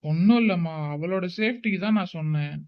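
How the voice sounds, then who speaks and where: A man's voice: sits high, brisk, natural voice. A man playing a strict, protective older brother who scolds his sister with a raised voice. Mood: explaining, defensive. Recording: tinny phone-like recording.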